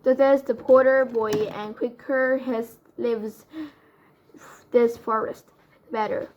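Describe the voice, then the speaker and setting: A woman voicing a calm, noble male centaur in a storybook reading, speaking gravely and earnestly. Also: on the high side, slow pace, dull audio, slight background noise. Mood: firm.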